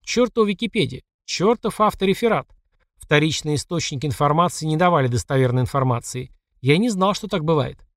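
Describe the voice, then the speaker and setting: A man reading a first-person audiobook, who delivers the system messages in a clipped, flat report tone. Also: a little high, brisk, dry recording, studio quality. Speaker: audiobook narrator.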